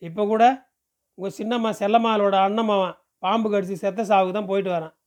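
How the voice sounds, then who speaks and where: In an audiobook, a man with a high-sitting, natural voice reads fairly quickly and flatly as a pushy, talkative middle-aged village man. The character fires off questions in rural speech, pressing and coaxing.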